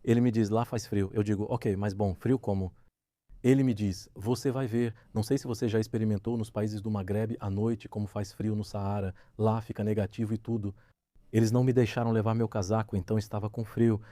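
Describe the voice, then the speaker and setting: Low, mellow man telling his story. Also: fairly even intonation, a little fast, no room sound. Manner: vivid retelling, acting out quoted dialogue. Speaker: interview guest. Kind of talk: recounting a personal story in an interview.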